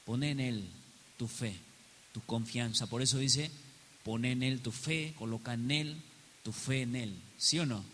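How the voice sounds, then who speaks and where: A man's voice: mid-range voice, measured pace, a bit bright. A man, a pastor, preaching a sermon to his congregation and repeatedly asking them "yes or no?". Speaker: pastor and prophet. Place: church hall. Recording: reverberant hall with faint hiss.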